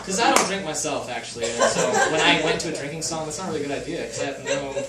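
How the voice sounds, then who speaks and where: A man's voice: a little high, expressive, very fast, recorded from a distance. A man doing stand-up comedy with a guitar on a small stage, rambling and self-deprecating. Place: small live venue. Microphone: stage microphone. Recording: roomy, from afar, guitar.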